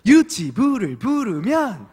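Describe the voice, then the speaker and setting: A male pastor in his thirties giving an evening church sermon, telling animated stories and acting out voices of his children. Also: extremely high pitch, slow pace, husky. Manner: animated storytelling with acted voices of his kids. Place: church sanctuary. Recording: long church hall reverb.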